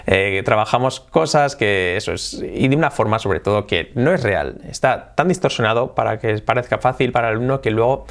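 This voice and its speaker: A man with a Spain Spanish accent teaching an online English lesson, lively and drilling phrases slowly, switching between Spanish and English. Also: mid-range voice, vocal fry.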